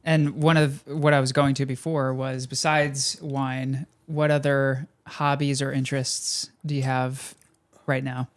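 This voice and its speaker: A man's voice: mid-range voice, flat delivery, unhurried, few pauses. A man hosting a podcast, asking questions and chatting casually with his guest. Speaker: podcast host, interviewer. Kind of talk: casual conversational interviewing.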